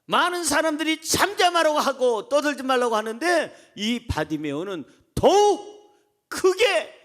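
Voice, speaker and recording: A man's voice: very high-pitched, normal speed. A man preaching a sermon as pastor, acting out voices and leading the congregation in reading aloud. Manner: animated, acts out crowd voices, calls congregation to read along.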